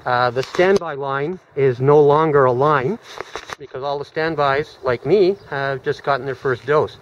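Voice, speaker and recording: A man in his forties recording a relaxed, reflective selfie vlog on a phone held at arm's length, indoors in a large community gym and later outside. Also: medium pitch, unhurried, muffled recording, slight background noise. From Canada. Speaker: vlogger. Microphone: phone camera at arm's length.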